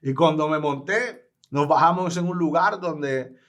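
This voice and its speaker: A man's voice: on the high side, unhurried, fairly bright tone. A man, a guest evangelist telling his personal testimony in an earnest, emphatic way.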